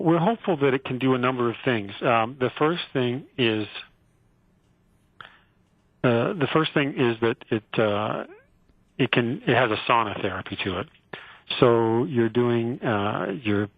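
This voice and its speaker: A man, a physician guest on a radio show, explaining a treatment in a relaxed way with many fillers and restarts. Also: medium pitch, no room sound. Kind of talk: casual explanatory interview. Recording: tinny phone line.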